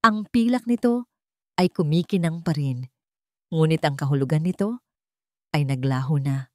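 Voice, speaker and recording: In a low, mellow voice, a woman tells a romantic drama as scripted first-person storytelling at a moderate pace. The recording is dry and close, with almost no room sound.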